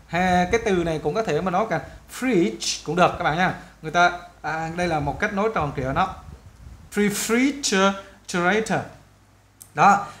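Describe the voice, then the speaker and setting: A man teaching English in Vietnamese, pointing at a picture and reading model sentences slowly with a Vietnamese accent. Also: high voice, fairly bright tone, reverberant. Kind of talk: textbook lesson walkthrough.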